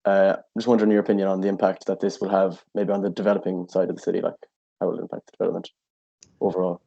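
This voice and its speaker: A man's voice: low voice, flat delivery, rapid-fire, gravelly, mellow, slightly rough. A man asking informal interview questions in a slightly muffled recording. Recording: slightly dull, muffled sound.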